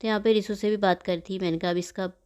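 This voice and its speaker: A middle-aged woman vlogger who talks quickly and rambles while narrating her morning cooking and chores. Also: mid-range voice, fairly even intonation, a little mellow, clear, resonant tone. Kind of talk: chatty voice-over about her morning cooking.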